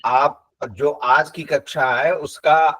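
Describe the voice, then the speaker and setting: A man organizing the class, speaking slowly, politely and directively from a distant mic. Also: a little high, fairly even intonation, fairly bright tone.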